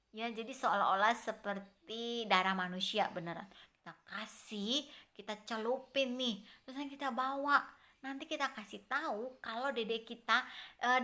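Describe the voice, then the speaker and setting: Wanita memerankan kakak-kakak berbisik bersekongkol. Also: female voice, a little high. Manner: hushed conspiratorial scheming. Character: jealous older brothers plotting, young men.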